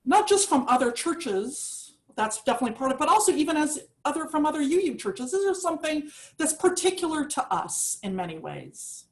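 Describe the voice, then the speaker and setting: A woman minister giving a sermon in a lively, chatty and enthusiastic way. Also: high voice, brisk.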